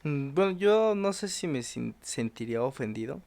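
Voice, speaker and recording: A man's voice: mid-range voice, very animated, normal speed, vocal fry, darkish tone. A young Mexican man in casual podcast chat, thinking aloud with many restarts. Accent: Mexican Spanish. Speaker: podcast co-host.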